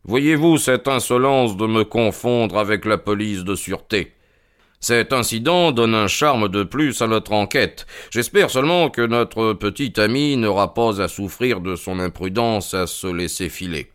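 A man playing a calm, ironic detective who reasons and mocks with composure, in an audio drama reading. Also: measured pace, clear, resonant tone. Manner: composed and mocking, lively rises in pitch. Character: calm, ironic male detective, sure of himself.

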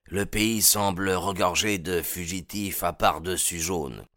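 A man's voice: low-pitched, a little slow, a bit bright, dry recording, clean studio sound. A man doing a glum, grumbling police inspector. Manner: sullen, grumbling. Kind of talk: audiobook character reading.

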